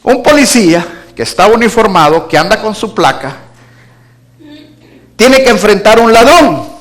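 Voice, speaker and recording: A man preaching a sermon as pastor, moving between emphatic declarations and hushed low asides. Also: lively intonation, moderate pace.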